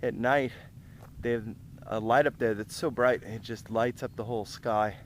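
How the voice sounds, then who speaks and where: An American man records a casual vlog while out running. He sounds tired from the effort and talks in loose, broken phrases with pauses. His voice sits at an average pitch, with clear outdoor noise around it. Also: fairly even intonation. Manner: talking while out on a long run, with pauses and breaks for breath. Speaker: running vlogger. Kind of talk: casual vlog chat to viewers. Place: outdoors on rural roads.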